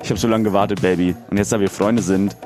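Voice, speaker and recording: A man voicing a sleazy, smooth seducer who croons pickup lines in a low, slow, sultry way. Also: fairly even intonation, over music, lightly acted. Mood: seductive.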